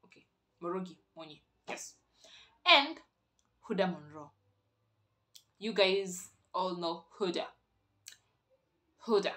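Bright-voiced Kenyan woman vlogging. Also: fairly low pitch, expressive, slow pace, pauses often. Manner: playful, teasing, chatty, switching between languages mid-sentence. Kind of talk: casual chat.

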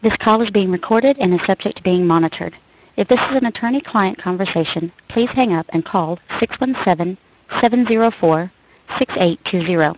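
A woman's recorded automated announcement on a payphone collect call, measured and scripted. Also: medium pitch. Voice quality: measured, even, scripted delivery. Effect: payphone call over a jail phone line. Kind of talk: recorded automated phone prompt. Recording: tinny phone line with noise and clicks.

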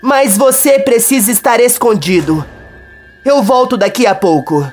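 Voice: medium pitch, measured pace, pitched above the performer's own voice, natural voice. A narrator voicing a nervous, defensive woman pleading her case in a soap-opera recap, over faint music. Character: nervous woman under accusation. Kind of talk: read-out novela dialogue.

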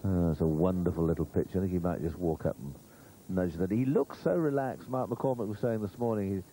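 A man's voice: sits low, brisk, dark tone. A male golf commentator giving conversational live commentary, rambling along with humorous asides. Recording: noisy old TV broadcast audio.

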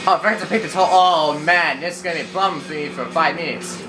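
A man's voice: on the high side, fairly quick, music in the background, rough recording. A man casually narrating a driving game, rambling and joking at himself while role-playing his character. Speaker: gameplay commentator.

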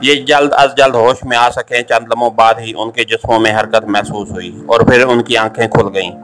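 A man's voice: medium pitch, normal speed, slight background noise. Man reading a novel aloud. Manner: steady storytelling reading. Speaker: audiobook narrator. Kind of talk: scripted novel narration. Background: soft background music.

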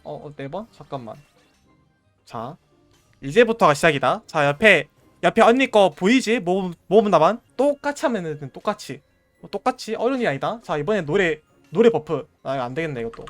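A man's voice: high voice, expressive, fairly quick, a bit bright, no echo, faint music behind. Playful man narrating his gameplay. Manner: playful, mock-scolds his in-game item like a parent. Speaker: game streamer. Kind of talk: casual gameplay commentary.

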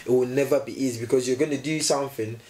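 Seated on a sofa in a roomy-sounding indoor space, a young fitness vlogger co-hosts a casual motivational chat. His voice is medium-pitched, steady and a little mellow, delivered rapid-fire, and he emphatically repeats his key lines.

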